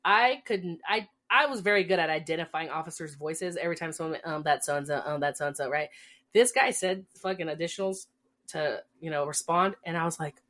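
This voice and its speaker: A woman co-hosting a podcast, telling jail stories from her time as an officer in a lively, swearing, laughing way. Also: deep voice, a little fast. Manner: animated storytelling, swears freely, laughs often. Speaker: podcast co-host, former corrections officer. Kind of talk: casual chat.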